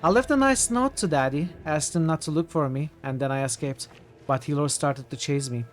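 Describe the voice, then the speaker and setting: A man's voice: on the high side, brisk, lightly acted. A man voicing a smug, teasing young female cult sorceress from a video game in a theatrical, mocking way. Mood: smug, defiant. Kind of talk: reading video game dialogue aloud. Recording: music behind the voice.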